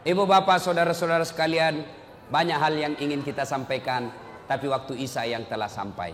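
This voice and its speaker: A man preaching a lively, humorous sermon and acting out the people in his stories. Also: a little high, a little fast, a little hiss or hum. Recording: reverberant hall.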